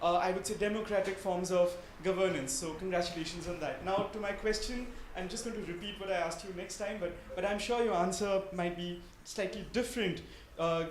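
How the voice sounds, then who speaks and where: A man's voice: sits high, fairly even intonation, brisk, hardly any pauses. A man from India asking a long, earnest question from the audience at a conference, with many fillers. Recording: echoey room, faint ambient noise.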